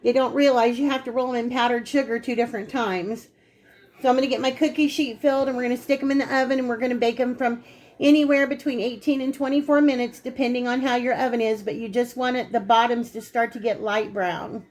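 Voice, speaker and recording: A woman with a slightly high voice, talking casually through a home baking recipe. She explains each step in a chatty, easygoing way. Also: steady tone, quick pace, a little mellow. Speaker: home cooking vlogger.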